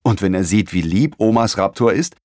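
A man voicing a clever, enthusiastic young boy in a storybook reading, with a keen, excitable delivery. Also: on the low side, normal speed, no room sound, clean studio sound, close to an everyday voice.

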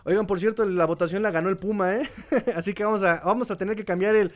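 A man's voice: sits high, fast talker, slight background noise. A Mexican man hosting a live podcast, reading chat comments and giving opinions in a chatty, laughing way. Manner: chatty, opinionated, laughs often, repeats phrases. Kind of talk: casual live-stream commentary.

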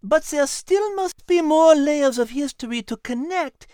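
Man putting on a high, lilting French voice for a sharp, warm-hearted little animal girl in a storybook, swooping up and down as she puzzles things out. It is dry and close, with no room around it. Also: lively intonation, no echo. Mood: excited. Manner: marveling, quick to piece things together. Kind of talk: storybook character voice.

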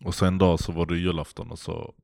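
Podcast co-host, male, low voice, dry close mic, laid-back storyteller. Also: little pitch movement, vocal fry, a little mellow, no room sound. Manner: laid-back, rambling, laughs often. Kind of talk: casual chat, storytelling.

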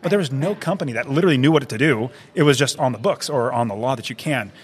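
A man's voice: medium pitch, fast, slightly rough. A man hosting a podcast, talking enthusiastically and rambling a little, peppering his speech with "like" and "literally", recorded on a conference floor. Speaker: podcast host. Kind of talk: conversational interview.

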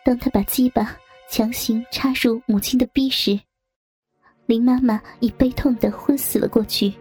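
A woman reading a scripted audio story in a soft, half-whispered way. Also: on the high side, fairly even intonation, moderate pace, slightly rough, faint music behind. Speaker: narrator.

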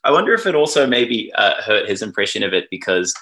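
Chatting casually as a podcast guest, a thirtysomething man with an Australian accent who grew up in New Zealand wanders from thought to thought, interrupting himself and laughing in between. His voice is lowish, sing-song, quick, pushed, and bright.

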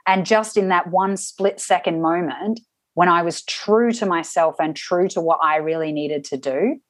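A woman being interviewed tells a personal story in a reflective way, often restarting her sentences and acting out what people said. Her voice is lowish, her pace moderate, and there's no echo.

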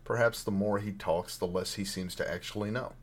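A hoarse male podcast host runs through political news with a dry, wry delivery. His voice sits on the low side and comes out husky and rough around the edges. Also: steady tone, brisk. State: hoarse, frog in throat.

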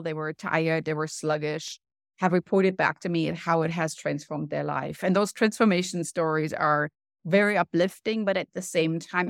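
A woman with a somewhat low voice talks earnestly on a podcast as a wellness coach. She explains things patiently and slows down to stress what matters. The sound is dry and close. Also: creaky, no room sound. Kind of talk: podcast interview.

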